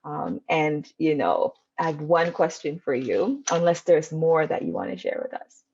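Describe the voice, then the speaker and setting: Low, husky-voiced woman host. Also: animated, measured pace, darkish tone, dull audio. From Canada. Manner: affirming, many filler words. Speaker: podcast host. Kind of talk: interview host recap.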